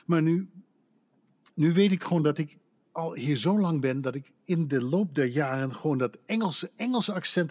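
A man's voice: on the high side, breathy edge. A Dutch man who works as a voice actor, chatting casually on a podcast and telling stories with self-deprecating humor. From Netherlands. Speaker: voice actor guest.

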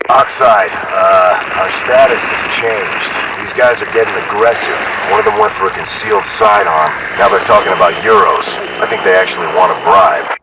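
Man doing soldier on a military radio, steady radio procedure, low-pitched, far-off transmission. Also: moderate pace. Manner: steady radio procedure with callsigns and hesitant fillers. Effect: heard over a military radio. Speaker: field unit radio operator. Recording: distant noisy radio transmission.

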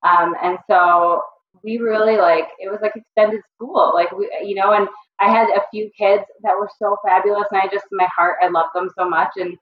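A woman's voice: mid-range voice, steady tone, moderate pace, slight background noise. Woman, school counselor, candid storytelling, lots of ums, far from mic, echoey, muffled. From Chicago area, USA. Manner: candid, frequent ums and self-corrections. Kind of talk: casual interview storytelling.

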